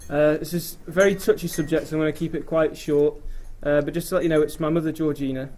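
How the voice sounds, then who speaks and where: A man's voice: fairly high pitch, fairly even intonation, darkish tone, a little hiss or hum. A young man giving an informal, hesitant thank-you speech as the groom at a wedding. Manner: hesitant, halting delivery.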